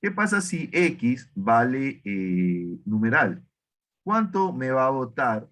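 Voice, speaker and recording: A man's voice: mid-range voice, sing-song, takes it slowly, a bit bright. A man teaching an online math class, asking students questions and often correcting himself. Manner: questioning, self-correcting, many fillers.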